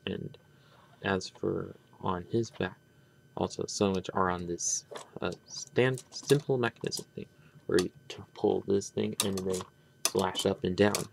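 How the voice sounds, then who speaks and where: Sitting at a table indoors, a man gives an unscripted toy review while handling the product. He has a low voice full of vocal fry and keeps his intonation fairly even. His talk is halting and meandering, with many phrases left hanging, and a little background noise can be heard.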